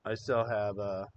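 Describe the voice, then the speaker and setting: Impassioned, cursing male livestream host. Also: on the low side. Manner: impassioned, emotional, swears freely. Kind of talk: opinionated live political commentary. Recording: slightly dull audio with faint noise.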